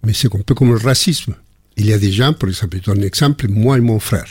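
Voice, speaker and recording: An older man with a foreign accent speaks in a husky voice. He tells anecdotes with many restarts and repeated words. The sound is close and dry. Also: on the low side, fast talker, dry recording. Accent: foreign accent in French. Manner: warm anecdotal storytelling with frequent restarts. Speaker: guest. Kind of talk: casual conversation.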